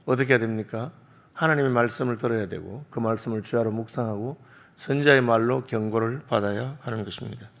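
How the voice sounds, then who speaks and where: A man's voice: mid-range voice, fast, long reverb tail. A male pastor preaching an early-morning sermon in a church sanctuary, talking conversationally with rhetorical questions and small filler sounds.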